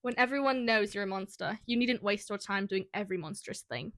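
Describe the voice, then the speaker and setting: A woman's voice: mid-range voice, brisk, a bit bright, no room sound, natural voice. A woman doing a brooding young gang leader, put-on British accent. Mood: intense.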